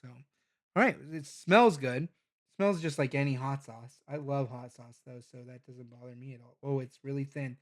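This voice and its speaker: A man's voice: medium pitch, moderate pace. A man casually thinking aloud as he reviews hot sauces, rambling with lots of fillers and restarts. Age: adult parent.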